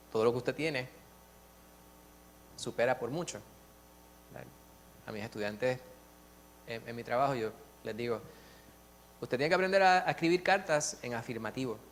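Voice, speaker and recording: A man sharing at a church Bible study, earnest and lively, telling stories with many restarts and asides. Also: mid-range voice, a little hiss or hum. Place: church classroom.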